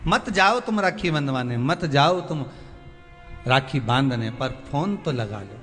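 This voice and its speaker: A man preaching a devotional sermon, pleading with passion and swinging between loud appeals and soft, quiet lines. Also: mid-range voice, animated, a little slow. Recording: long hall reverb with faint music.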